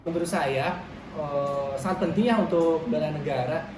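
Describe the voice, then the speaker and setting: A man's voice: on the high side, moderate pace. A man in his twenties, an office worker, answering interview questions hesitantly with fillers. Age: 20s. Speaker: private company employee. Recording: echoey, distant mic, loud background noise.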